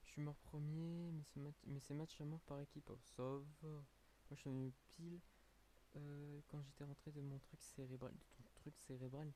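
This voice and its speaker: A man's voice: a little high, flat delivery, normal speed, warm tone, slight background noise. A man with a French accent, a streamer chatting casually on a live stream, rambling with many fillers, a little tired.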